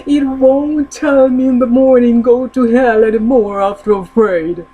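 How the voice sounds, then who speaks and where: A woman's voice: a little high, fairly even intonation, unhurried, mellow, pitched above the performer's own voice, rough recording. A woman voicing an exasperated priest who grumbles about his pet, close to her own storytelling voice. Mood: grumbling.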